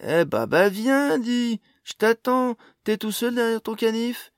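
A man voicing a brash, sharp-tongued female dwarf in an audiobook, slangy and defiant. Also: a little high, very animated, unhurried, no room sound, studio quality, pitched above the performer's own voice. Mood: mocking defiant. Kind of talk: audiobook character voice.

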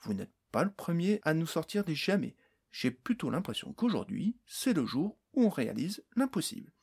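A man voicing a calm, clever sorceress. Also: a little high, normal speed, breathy edge, pitched above the performer's own voice, full character voice. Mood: calm, assured.

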